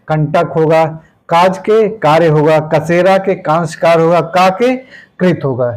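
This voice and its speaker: A man teaching a Hindi grammar lesson for exam preparation, repeating each word slowly and checking in with "okay" after nearly every line. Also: a little high, darkish tone, poor audio. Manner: repeats words slowly, tags lines with "ठीक है"; plain, patient explaining with everyday examples.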